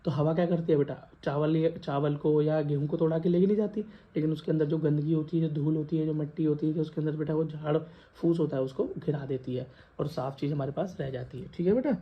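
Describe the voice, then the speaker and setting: Male lecturer, Western Uttar Pradesh Hindi accent, brisk classroom delivery with questions to pupils, muffled lo-fi sound. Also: on the high side, fairly even intonation. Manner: addresses students as beta, asks and repeats questions. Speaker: teacher.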